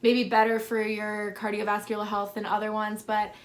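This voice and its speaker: A fitness vlogger in her twenties with a lisp answers viewer questions to camera in a casual, chatty Q&A, packing her speech with "like". Her mid-range voice is monotone and moves at normal speed.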